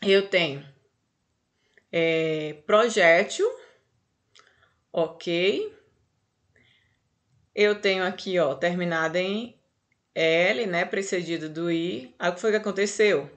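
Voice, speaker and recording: A Brazilian woman with a lowish voice teaches a grammar lesson slowly, pausing often. She is patient, explains step by step, and checks in with her students frequently.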